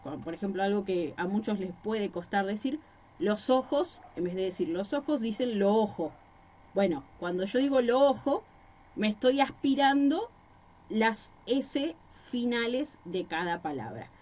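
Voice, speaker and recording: A woman's voice: mid-range voice, expressive, normal speed, a little mellow. A woman teacher with a Rosario Argentine accent, explaining a recorded class lesson with examples and rhetorical questions, speaking into a microphone in a small room. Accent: Rosario Argentine Spanish.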